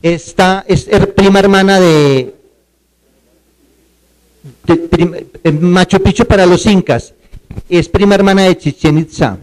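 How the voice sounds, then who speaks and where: A man's voice: high voice, poor audio. Man lecturing a seminar. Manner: quizzes the audience, spells words out slowly.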